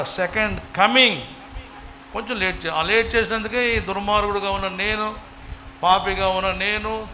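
High, bright-voiced preacher man. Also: slight background noise, poor audio. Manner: preaching with sudden loud rises and quiet drops. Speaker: pastor. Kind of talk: sermon.

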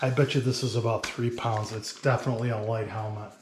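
A man's voice: on the low side, fairly even intonation, a little fast, echoey room, noisy background. A man in his fifties talking casually as a motorcycle vlogger in a workshop, on a small body-worn mic. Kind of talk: casual vlog talk. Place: indoor garage workshop. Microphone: small wireless mic worn on the body.

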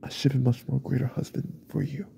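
A young man voicing an unstable, remorseful young husband in a whispered role-play, stammering and repeating himself in a husky, often whispered voice. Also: medium pitch, flat delivery, fast talker, mellow, slight background noise. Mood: pleading. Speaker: ASMR role-play creator.

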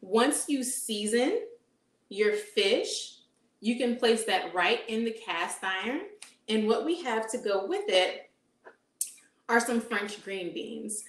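A woman's voice: on the high side, lively intonation, slow. Upbeat woman teaching a cooking demo. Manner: upbeat, engaging the audience with questions. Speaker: dietitian cooking instructor. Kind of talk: live cooking demonstration. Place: home kitchen, indoors. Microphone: camera at medium distance. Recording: echoey kitchen room sound.

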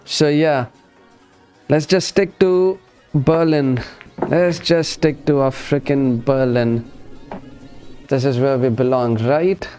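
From an indoor streaming setup, a man hosting a gaming livestream greets viewers and chats casually, sounding chummy and repeating short phrases. His mid-range voice is steady and warm, and he takes it slowly with frequent pauses. Faint music plays behind him.

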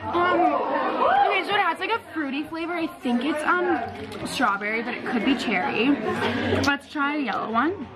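A woman's voice: high-pitched, very animated, normal speed. A young woman in her early twenties chatting casually to a vlog camera like a mock-serious reviewer. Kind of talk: casual vlog chat, taste test. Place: busy indoor kitchen. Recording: loud crowd chatter behind.

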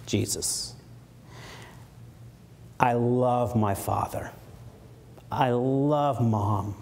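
A man preaches a sermon in a church, his pitch leaping and falling as he acts out mock quotes. The live stream carries a faint background hiss. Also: dark tone. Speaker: pastor. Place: church sanctuary.

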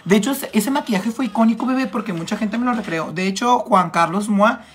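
A man's voice: high voice, brisk, a bit bright, slight background noise. Camp Mexican man with a cold. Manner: camp, flamboyant and gossipy, playful swearing. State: coming down with a cold, clearing throat. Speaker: makeup livestreamer. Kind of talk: casual live chat, reading comments aloud.

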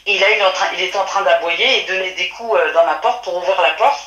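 A woman recounts what she witnessed in a halting way, stopping and restarting often. Her voice is bright and a little tense. The sound is roomy and echoey. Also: on the low side, dull audio. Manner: halting, many restarts and fillers. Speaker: witness telling her story. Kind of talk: hesitant testimony by phone or call.

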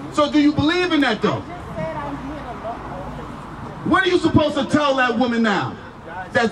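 Insistent male street preacher, very high-pitched. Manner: insistent, commanding, repeated rhetorical questions. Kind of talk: confrontational street sermon, explaining scripture. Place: outdoor street corner. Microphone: handheld microphone. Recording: distant outdoor street PA, crowd noise.

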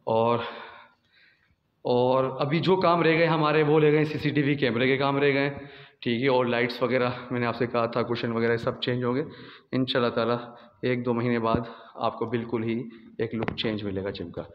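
A man in his thirties with a Pakistani Urdu accent owns a large indoor gym and casually walks through it on his phone camera, starting in selfie mode, often ending sentences with "theek hai." His mid-range voice stays steady at a normal speed. The lo-fi phone audio carries faint room noise and reverb for this casual walkthrough vlog.

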